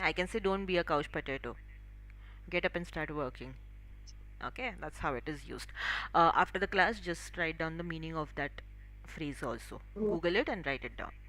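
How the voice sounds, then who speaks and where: A woman with a Marathi-tinged Indian accent teaching English in an online class, explaining phrases and pronunciation briskly. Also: on the low side, pushed and bright, poor audio.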